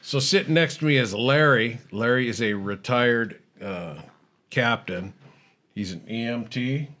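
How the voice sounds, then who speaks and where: A man filling in as host of a casual comedic chat show, talking in a dry, deadpan monotone. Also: mid-range voice, measured pace. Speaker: fill-in host.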